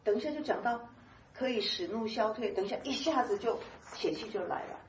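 A woman gives an informal Bible teaching in a fairly high voice, chatty and animated, laughing often between her points. She sounds distant from the microphone, in a roomy, echoing space. The recording is muffled and dull. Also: a little fast, slight background noise. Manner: lively, chatty, laughs often, many soft filler particles. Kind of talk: conversational sermon teaching.

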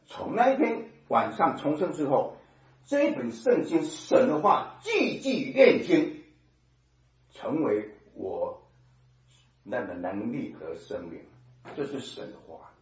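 A man's voice: on the high side, takes it slowly. Man preaching in a roomy echoing hall. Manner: animated storytelling with sound effects. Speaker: preacher giving a testimony. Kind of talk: personal testimony sermon. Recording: echoey hall from far off, dull sound.

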